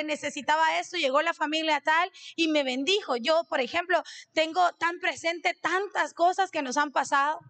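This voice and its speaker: High-voiced woman preaching conversationally. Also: a bit bright. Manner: conversational, asks the audience questions. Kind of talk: sermon with personal testimony.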